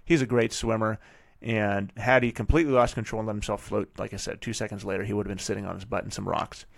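A man with a low, gravelly voice recounts a story in a vivid, animated podcast monologue. He often restarts his sentences as he goes. The sound is dry and close, with no room echo. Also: fast talker. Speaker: podcast host and father.

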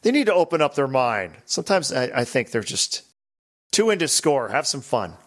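A man's voice: medium pitch, big pitch swings, normal speed. A man co-hosts a casual podcast in a mid-range voice. He rambles and jokes, restarting his sentences as he goes. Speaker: podcast co-host. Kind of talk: casual chat.

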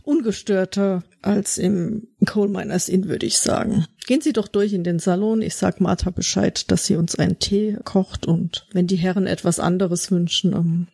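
A woman's voice: on the low side, fairly even intonation, moderate pace, vocal fry, hardly any pauses, darkish tone, breathy edge. A woman playing a polite young Victorian lady hostess who speaks graciously, with hesitant fillers.

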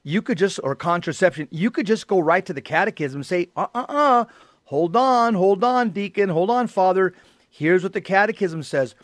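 A man's voice: high voice, animated, moderate pace, no echo. A man co-hosting a talk show, explaining his point earnestly with some fillers. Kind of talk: casual talk show chat.

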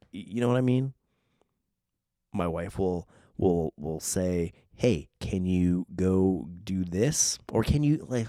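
A man's voice: lowish voice, darkish tone, dry recording, clean studio sound. A man from Southern California with a Southern Californian accent, rambling wryly through a casual podcast monologue and repeating phrases. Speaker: podcast host.

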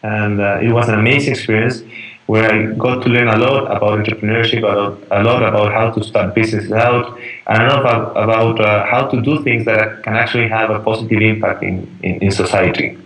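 A man's voice: fairly low pitch, little pitch movement, fairly quick, a bit bright, poor audio. A young man from Chile with a Chilean accent, a guest on a podcast, answering casually and often restarting and searching for words. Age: young adult.

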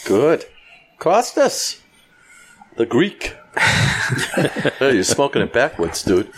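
A man's voice: mid-range voice, wildly swooping pitch, takes it slowly, slight background noise. A man hosting a cigar podcast, teasing the panel and calling on each person for a rating. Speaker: podcast host. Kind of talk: casual chat. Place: cigar lounge, second floor.

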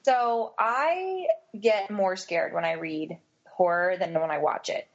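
A woman's voice: mid-range voice, slow pace. A woman co-hosting a podcast, chatting casually and telling rambling, self-mocking stories. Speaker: podcast co-host. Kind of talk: casual chat. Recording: dull lo-fi sound.

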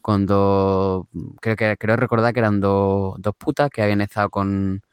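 A man with a Spain Spanish accent, casually discussing films and pausing to restart phrases as he searches for words. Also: lowish voice, level tone, clean tone, dry recording.

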